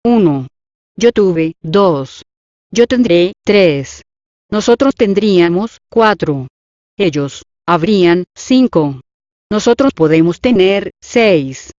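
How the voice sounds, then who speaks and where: A woman reading out the instructions and numbered items of a language exercise, in a measured, even dictation. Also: mid-range voice, dry recording. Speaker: lesson reader. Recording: dull dry lo-fi audio.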